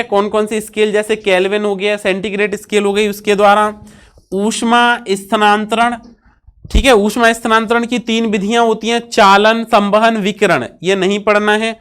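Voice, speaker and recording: A woman teaching a physics lesson, with a smooth, resonant voice at a middle pitch. She goes over each item more than once. She asks the class questions and answers them herself, adding "ठीक है" checks along the way. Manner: fills pauses with "ठीक है" checks.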